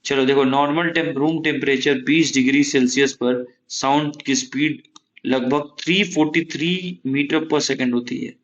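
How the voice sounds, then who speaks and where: A man's voice: mid-range voice, fairly even intonation, normal speed, a little hiss or hum. Male exam-prep tutor, casual lecture over slides, mid voice, somewhat muffled audio. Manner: chatty, repeats "ठीक है?" to check in. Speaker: exam coaching teacher. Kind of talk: casual Hindi-English lecture. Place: room at home, AC running.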